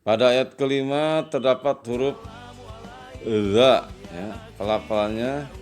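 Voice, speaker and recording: A man teaching a children's lesson in a patient, slow manner, often adding "ya" as he explains. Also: low-pitched, soft background music. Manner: slow and patient, with frequent "ya" tags and louder drawn-out recitation. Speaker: religious studies teacher.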